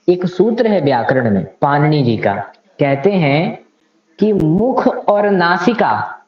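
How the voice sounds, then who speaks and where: A man teaching Sanskrit grammar in a lecture, explaining it step by step and reciting grammar rules with care. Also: sits high. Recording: echoey, slightly dull room recording.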